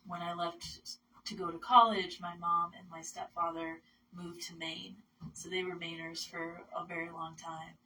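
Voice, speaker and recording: A woman from Massachusetts chatting in a radio interview, with a low, flat yet bright voice. She talks casually with many fillers. She is heard from a distance with faint noise behind. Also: moderate pace. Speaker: musician guest. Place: radio studio.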